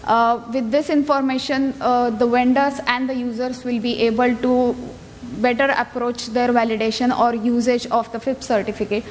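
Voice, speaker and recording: In a reverberant, noisy hall, a woman gives a technical talk. Her voice sits fairly high as she explains her material to the room as a conference speaker. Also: flat delivery, normal speed. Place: large indoor conference room. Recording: echoey hall, noticeable background noise.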